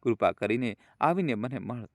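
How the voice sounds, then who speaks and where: A man voicing a remorseful, quick-tempered middle-aged son who talks urgently, in an audio story. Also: medium pitch, animated, a little mellow, no room sound, studio quality, lightly acted.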